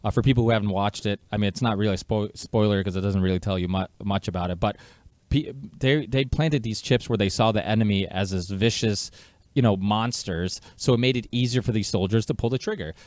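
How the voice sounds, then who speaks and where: A man's voice: lowish voice, a little fast, a little mellow, dry recording. A man born in Portugal hosting a podcast, talking in a loose, chatty way. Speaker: podcast host. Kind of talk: casual podcast conversation.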